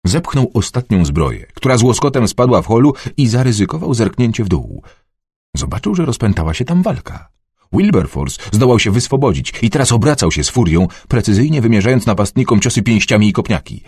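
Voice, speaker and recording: A man narrating an adventure novel in a dramatic, expressive storytelling manner. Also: mid-range voice, a little fast, husky, dry recording, studio quality. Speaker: audiobook narrator.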